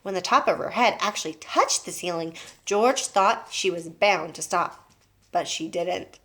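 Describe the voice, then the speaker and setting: A woman's voice: lowish voice, measured pace, a bit bright. A woman teacher reading a children's book aloud to her class and pointing out the pictures.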